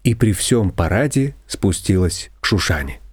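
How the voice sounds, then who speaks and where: A man's voice: low voice, animated, normal speed, slightly rough, dry recording, clean studio sound. A man narrating an audiobook in a wry storytelling manner.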